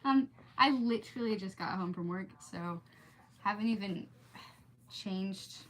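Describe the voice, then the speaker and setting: In an unhurried mid-range voice, a woman hosts a casual livestream, reading a storybook aloud and talking with viewers. She's chatty and easily distracted. The recording quality is low.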